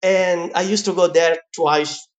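A man's voice: high voice, steady tone, a little slow. A man with an Italian accent, a guest in an interview, telling his story in a chatty way with many fillers and frequent laughs. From Italy. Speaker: guest, pizza teacher.

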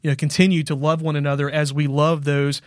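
A man co-hosting a faith podcast, talking quickly and loosely, sprinkling in fillers as he asks questions. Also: fairly high pitch, flat delivery, no echo, studio quality. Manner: quick, full of "you know" fillers, friendly questioning. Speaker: podcast co-host. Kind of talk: casual faith podcast chat.

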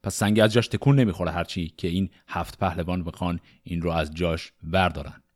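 A middle-aged man telling an epic tale, reciting verse in a measured way and explaining it in relaxed asides. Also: sits low. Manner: measured declamation, then relaxed conversational asides. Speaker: storyteller.

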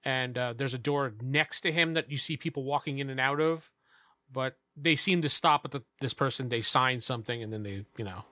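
Bright-voiced man running a tabletop game. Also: medium pitch, no room sound, clean studio sound. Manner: casual, halting narration with fillers. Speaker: game master.

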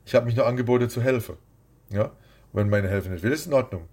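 During a casual interview, the guest is a boxing promoter who rambles and doesn't mince words. He talks fast, and his medium-pitched voice has a slightly mellow quality.

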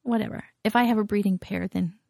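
Woman co-host, casual podcast chat. Gravelly, mellow, giggles a lot, dry room. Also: mid-range voice, steady tone, fast, no echo. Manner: giggly, gushing, rambling.

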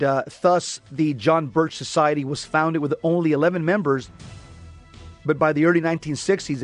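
An American man hosts a talk radio show, delivering an emphatic monologue of commentary in which he keeps repeating and restating his points. His voice is on the high side.

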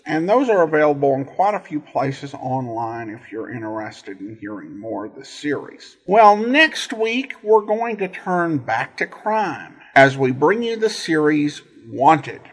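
A man with a husky voice hosting informal commentary on old radio shows, in a halting delivery. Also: mid-range voice. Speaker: podcast host.

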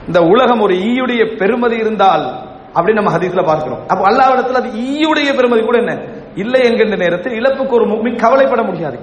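High-voiced man preaching in an echoey hall. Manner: earnest, emphatic, repeats key points and asks rhetorical questions; recites Arabic in a slow, lower chant. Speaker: Islamic preacher. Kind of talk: sermon. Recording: echoey hall with faint rumble.

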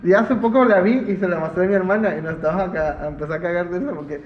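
A young man with a Mexican accent telling horror-movie stories in a casual, slangy, animated chat. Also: high-pitched, rapid-fire. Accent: Mexican Spanish. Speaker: podcast guest. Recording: roomy, dull-sounding home recording.

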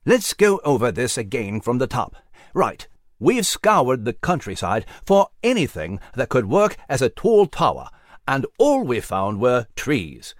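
A fussy, well-mannered gentleman mouse, voiced by a man. His speech is formal and lively in pitch, in a close, dry storybook read. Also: a little slow, no echo. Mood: earnest. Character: prim, genteel English male mouse.

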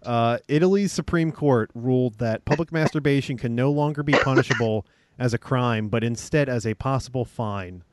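A man's voice: mid-range voice, moderate pace, slight background noise. A man hosting a casual podcast, reading out news stories with frequent laughs and ums. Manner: reads stories with laughs and fillers.

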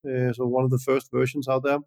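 Appearing as a guest entrepreneur, a man from Denmark whose first language is Danish responds to interview questions in English at an even pace. His voice is medium-pitched and creaky, and he hesitates often with "uh" and "like."

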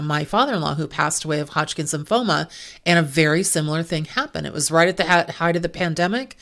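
A low-pitched middle-aged woman explains healthcare compliance rules in an informational talk. She speaks frankly, with exasperated asides. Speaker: medical coding and compliance auditor.

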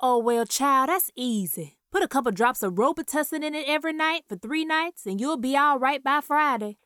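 A woman's voice: sits high, animated, normal speed, a bit bright, dry recording, studio quality. A woman playing a folksy, blunt, churchgoing Southern radio advice auntie with a Southern US accent in a comedy sketch. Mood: folksy, reassuring. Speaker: radio advice show host.

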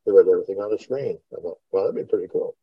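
This middle-aged podcast host talks rapid-fire in a low, slightly rough voice, spinning informal, rambling stories as he reminisces. The dry recording comes through dull, lo-fi online call audio.

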